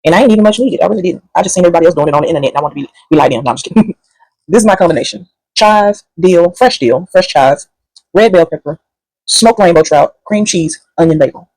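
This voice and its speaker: A woman's voice: fairly low pitch, lively intonation, fast, darkish tone, no room sound, poor audio. A woman doing a casual, rambling food review at home, sassy and sometimes talking while she eats.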